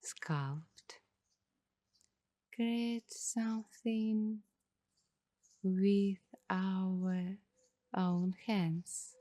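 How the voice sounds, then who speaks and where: In a mid-range voice with fairly even intonation, a woman delivers soft, half-whispered meditative narration as an ASMR host. Her phrases are short, the pauses long, and there's no echo.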